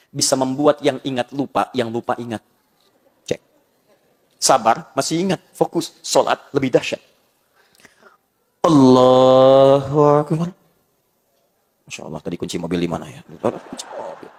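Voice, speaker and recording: A male Islamic preacher delivering a joking, animated sermon and acting out little quoted scenes. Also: medium pitch, big-room sound. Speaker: ustadz preacher.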